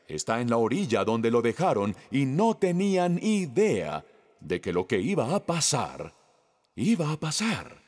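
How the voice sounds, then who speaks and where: A man's voice: medium pitch, a little mellow, big-room sound. A man preaching a sermon, reading scripture aloud and putting questions to the congregation.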